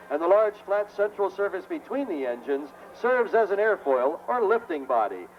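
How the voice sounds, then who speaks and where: A dull, lo-fi outdoor recording with music playing clearly behind the voice. An American man with a fairly high-pitched voice delivers airshow commentary. He speaks as an announcer, in measured, declarative and technical phrases.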